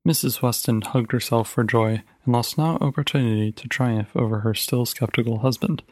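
A man narrating a short story as an audiobook reading, in a steady, even storytelling manner. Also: mid-range voice, normal speed, dry recording. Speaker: podcast narrator.

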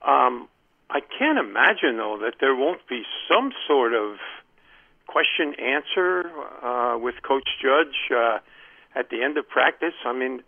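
A man's voice: mid-range voice, big pitch swings, measured pace. A man from Maryland calling in to a radio show over the phone, talking hesitantly with many restarts. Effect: phone call. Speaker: caller. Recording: tinny phone line.

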